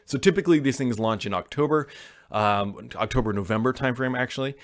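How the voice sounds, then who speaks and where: Male host, medium-pitched, conversational tech commentary and informal advice for viewers. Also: fast. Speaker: host answering viewer questions.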